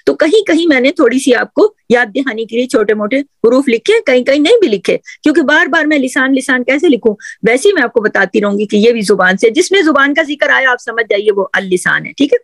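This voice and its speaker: Her voice sits high with lively intonation and few pauses, in a dry recording, as she teaches Quran pronunciation to women. Drilling letter sounds over and over, she patiently checks understanding with frequent "theek hai?" and gentle encouragement.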